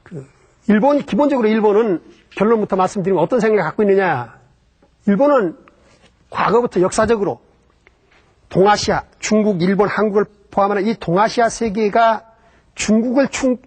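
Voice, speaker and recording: Husky high-voiced male history lecturer. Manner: explanatory, poses rhetorical questions and answers them. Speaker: lecturer on Japan.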